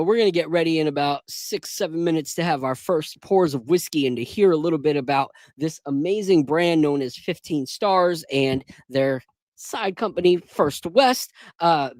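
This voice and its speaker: A chatty man hosts a sports livestream in a casual, laid-back way, urging viewers to hit like. His voice sits a touch high. The sound is dry and close, with no room echo. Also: darkish tone. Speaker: podcast host.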